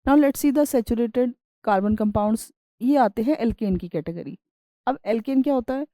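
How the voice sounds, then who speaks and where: Woman teacher explaining chemistry, reads english bits slow then breaks it down, pretty high voice, very warm and mellow, dry close sound. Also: dry recording, poor audio. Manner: reads English lines slowly, then explains in Hindi with everyday examples; keeps checking in with the class. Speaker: science teacher. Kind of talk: classroom lecture.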